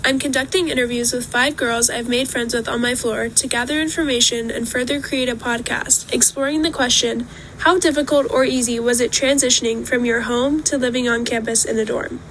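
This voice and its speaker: College girl reading her podcast intro off a script, kinda high voice, faint hum behind. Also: fairly even intonation, brisk, fairly bright tone, poor audio. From United States. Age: young adult. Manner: reads a prepared script. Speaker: student podcast host.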